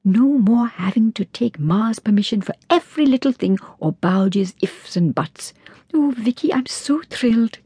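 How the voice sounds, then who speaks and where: A woman voicing a playful teenage princess in a breathy, half-whispered voice. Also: medium pitch, sing-song, takes it slowly, few pauses, no room sound, studio quality, voice pushed up, heavily acted.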